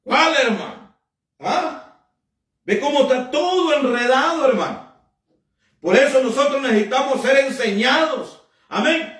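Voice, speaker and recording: A man's voice: very high-pitched, lively intonation, unhurried, pauses often, a bit bright. A man preaching a sermon in a fervent, emphatic way, often calling out to his listeners. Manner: emphatic, fervent preaching with frequent "amén" and "hermano". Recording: echoey room from far off.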